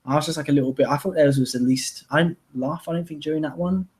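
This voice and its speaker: Fast-talking young man. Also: fairly high pitch, a little mellow. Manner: chatty, opinionated, full of fillers. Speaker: live stream host. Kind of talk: casual chat.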